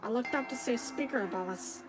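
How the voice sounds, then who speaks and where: Over music, a woman streamer reads a visual novel aloud in a fast, rather high voice. She is playful, joking with chat and swearing now and then.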